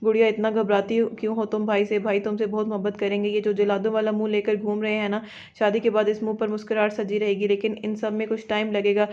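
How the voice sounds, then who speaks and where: A woman's voice: mid-range voice, completely flat delivery, fast talker, darkish tone, lightly acted. Teasing young brother, read by a woman. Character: playful teasing young man, cheerful brother. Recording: dull lo-fi audio.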